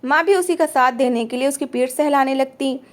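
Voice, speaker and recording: High-voiced woman narrating a family story. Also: normal speed.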